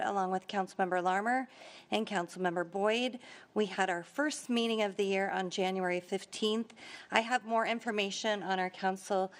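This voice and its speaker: A woman city councilmember giving a prepared report on her regional committees in a steady delivery, as if reading from notes. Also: medium pitch.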